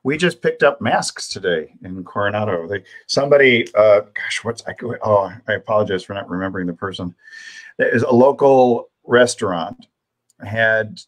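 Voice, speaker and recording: A man co-hosting a casual live health show, playful and chatty, fond of joking about his narration voice. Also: normal speed. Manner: playful, lively, likes putting on a deep narrator voice. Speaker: co-host, health coach.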